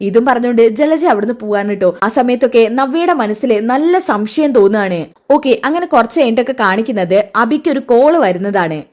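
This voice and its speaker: A woman's voice: a little high, lively intonation, fast talker, a little mellow. A woman retelling a TV serial episode in a chatty way and voicing all of its characters herself. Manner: chatty, adds "ttoo" tags. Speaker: serial recap narrator. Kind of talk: retelling a TV serial episode, acting out every part.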